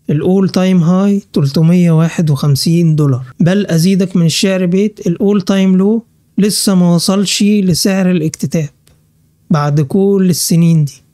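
A man's voice: sits high, warm tone, dry recording, clean studio sound. A man with an Egyptian Arabic accent hosting a crypto channel. He walks through a list on screen and scolds hostile commenters. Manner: brisk list-reading walkthrough. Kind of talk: screen-share vlog commentary.

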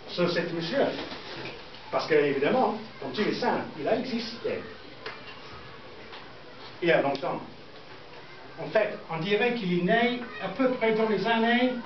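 A middle-aged man with a southern English accent, English being his native language, leads a school lesson in a high-pitched voice, speaking in simple, halting phrases with repetitions. The pupils' indoor classroom is echoey and noisy, and the distant camera mic leaves him muffled and far off.

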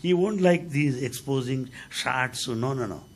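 An older man with an Indian accent giving a devotional talk, telling stories with humor and a raspy voice. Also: mid-range voice, measured pace. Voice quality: raspy, gravelly. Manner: animated storytelling with humor. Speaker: spiritual speaker.

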